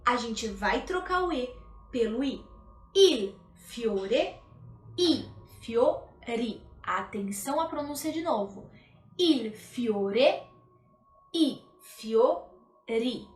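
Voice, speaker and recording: High, lively woman teaching Italian. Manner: explains patiently, checks in with "tá?", slows down to model pronunciation. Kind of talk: live online language lesson. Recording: echoey room, livestream audio.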